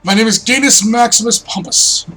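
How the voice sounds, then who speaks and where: A man's voice: very high-pitched, moderate pace, sharp tone, soft background music, voice pushed up. A man voicing a portly, self-important male gnome arena boss in a tabletop game, talking in a grandiose manner. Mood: pompous, imperious. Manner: pompous, grandiose.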